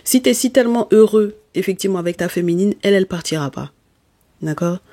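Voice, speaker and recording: A tarot reader whose first language isn't French speaks directly to viewers, scolding them emphatically, using terms of endearment and often checking in with "okay?". The voice is mid-pitched, fast, and warm. The sound is dry and close, with no room echo.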